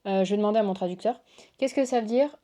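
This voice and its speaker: A woman's voice: medium pitch, fast talker, warm tone. A woman hosting a casual unboxing chat, gushing and exclamatory as she shows cards to her viewers. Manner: gushing, exclamatory, lots of waouh and oh là là. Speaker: tarot reader and channel host.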